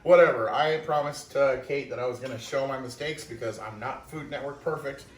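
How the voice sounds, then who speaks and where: A man's voice: medium pitch, a little fast. A young man hosting a casual cooking vlog, chatty and self-deprecating, talking while he eats. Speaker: cooking show host. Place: home kitchen. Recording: roomy kitchen, mic at a distance, music.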